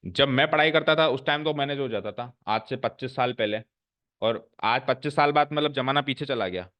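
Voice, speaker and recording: A man's voice: medium pitch, brisk, a bit bright. A man in his forties teaching a grammar class to students, lecturing and scolding with rhetorical questions and mixing English phrases into his speech. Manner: mixes English phrases into Hindi.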